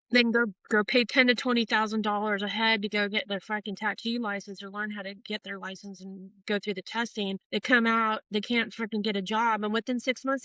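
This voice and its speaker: A woman's voice: mid-range voice, fairly bright tone, dry recording, low-quality recording. A middle-aged woman from Portland, Oregon, a tattoo artist telling her story in a casual interview, rambling and swearing with many fillers.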